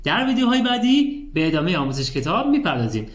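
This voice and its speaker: A man's voice: high-pitched, big pitch swings. A man with a Persian accent teaching English pronunciation, explaining each letter and repeating example words emphatically. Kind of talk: language lesson. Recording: echoey room, from far off.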